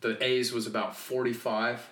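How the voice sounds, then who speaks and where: A man's voice: medium pitch, level tone, normal speed, fairly bright tone, echoey room. A man co-hosting a podcast, chatting eagerly and casually, agreeing often and swearing now and then. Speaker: podcast co-host. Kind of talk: casual chat.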